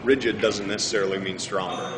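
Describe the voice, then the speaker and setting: A man's voice: fairly low pitch, steady tone, quick pace, over a noisy crowd. A man speaking as an engineer, explaining a design principle in conversational technical talk. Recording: loud music behind the voice.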